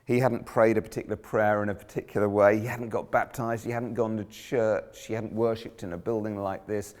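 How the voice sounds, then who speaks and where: A man preaching a sermon in a church, telling the story vividly and dropping to a hush on key lines. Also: lowish voice, level tone, fairly quick. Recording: echoey church hall.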